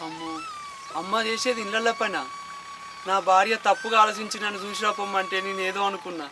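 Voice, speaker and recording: A man's voice: sits high, fairly even intonation, fairly quick, close to an everyday voice. A man playing a fed-up village husband. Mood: pleading. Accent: Telangana Telugu. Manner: exasperated, dismissive. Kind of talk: village short film acting. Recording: mic far off, music behind.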